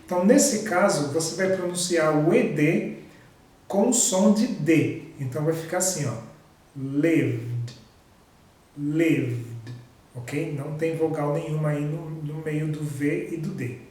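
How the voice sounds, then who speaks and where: A man teaching English pronunciation in a slow, patient way, repeating each example word. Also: a little high, darkish tone. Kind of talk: pronunciation lesson. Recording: very echoey room, distant mic.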